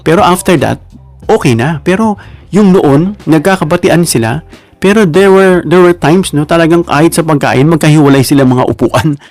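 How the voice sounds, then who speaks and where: A man's voice: fairly high pitch, normal speed, a little mellow, no echo, soft background music. A man with a Filipino accent giving casual political commentary, chatty, with constant tag questions and asides to his viewers.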